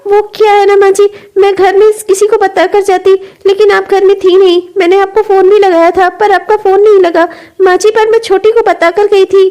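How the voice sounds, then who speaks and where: A woman's voice: extremely high pitch, level tone, moderate pace, hardly any pauses, a little mellow. A woman voicing a patient, polite elder daughter-in-law in a cartoon comedy. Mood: explaining. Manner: polite, soothing, deferential.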